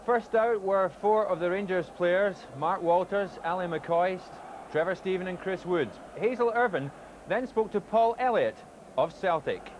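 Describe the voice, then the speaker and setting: A high-pitched man presents a live football broadcast from a stadium, briskly and informatively linking segments and naming players as they arrive. The broadcast is noisy, with the crowd audible behind him.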